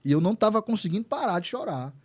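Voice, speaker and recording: Man, pastor, earnest testimony, repeats himself, mellow tone, fairly high voice. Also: lively intonation, fast. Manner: repeats words and phrases, earnest. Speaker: pastor, guest. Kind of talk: emotional testimony in conversation.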